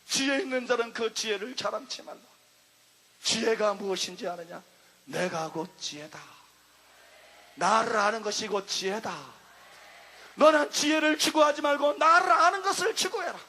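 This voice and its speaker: A man's voice: very high voice, moderate pace, pauses often, bright, forceful tone, pitched below the performer's own voice, exaggerated voice. A male pastor voicing the Lord in a sermon, speaking in a solemn, admonishing tone. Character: the Lord, a calm, grave divine voice. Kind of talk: sermon retelling.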